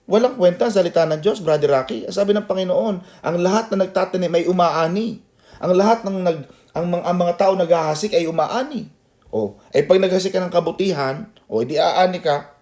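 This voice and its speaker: A man's voice: on the high side, darkish tone. A man pastor preaching a sermon, addressing members of his congregation by name and mixing in English phrases.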